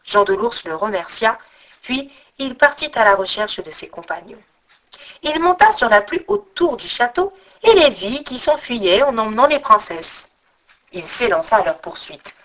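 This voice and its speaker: A woman narrating a folk tale as a storyteller, reading a script in an expressive way. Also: high voice, rough recording.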